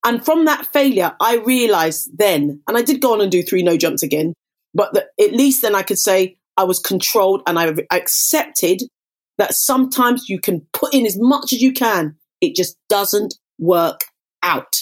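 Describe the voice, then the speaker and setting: A woman's voice: mid-range voice, animated, normal speed. A woman life coach who speaks as a podcast guest in an emphatic, motivational way and uses catchphrases. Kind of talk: casual conversation.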